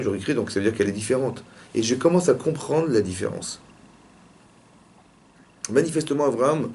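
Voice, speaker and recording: A man, a rabbi, teaching a lively religious lesson in a classroom and pressing his students with repeated questions. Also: mid-range voice.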